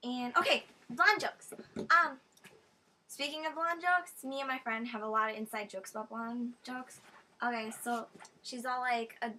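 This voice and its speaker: A woman's voice: on the high side, steady tone, measured pace, bright, forceful tone, slight background noise. A teenage girl chatting casually on camera, rambling through a joke with lots of fillers. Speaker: vlogger telling jokes. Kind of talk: casual chat.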